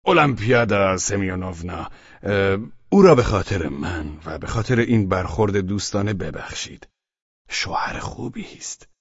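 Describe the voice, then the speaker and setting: Narrator plays a drowsy tipsy officer; slow mumbled repeats, low husky voice, dry sound. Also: male voice, expressive, no echo, lo-fi sound, full character voice. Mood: mumbling. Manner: mumbling, repetitive.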